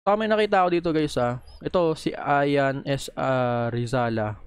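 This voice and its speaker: A video creator reacts to posts in a heated, profane, scolding rant, speaking directly into a close mic. His medium-pitched voice is unhurried and clean, with no echo.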